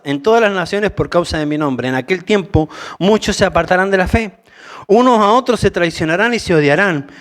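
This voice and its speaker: A man's voice: high voice, fairly bright tone. A man with a Rioplatense Spanish accent preaching a conversational sermon, mixing Bible reading with informal asides.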